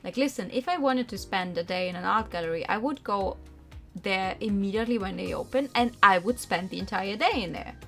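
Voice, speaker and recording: A young streamer with a mid-range voice reads lines from a visual novel and chats in between, speaking fairly fast. Her delivery is animated and informal with plenty of rambling tangents, and soft game music plays behind her.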